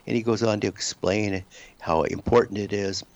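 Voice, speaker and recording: A man's voice: lowish voice, steady tone, normal speed, no room sound. A man from the United States, a guest author telling a personal story in a radio interview, rambling and restarting his sentences often. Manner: rambling, with frequent restarts and repeated words. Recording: dull lo-fi sound.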